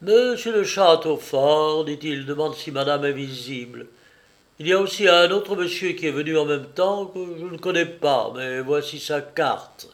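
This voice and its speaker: A man's voice: on the high side, unhurried. A man voicing a household servant in an audiobook, announcing visitors in a formal, deferential way. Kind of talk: audiobook character reading.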